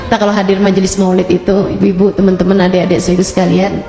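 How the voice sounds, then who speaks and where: A woman preacher giving a religious lecture, telling a story and voicing the people in it with lively emotion. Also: mid-range voice, fast talker. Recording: echoey hall with faint music.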